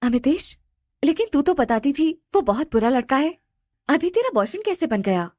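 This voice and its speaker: A woman voicing an earnest young wife and older sister in an audio drama, speaking in a sharp, scolding tone. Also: medium pitch, animated, normal speed, slightly rough, dry recording. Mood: shocked.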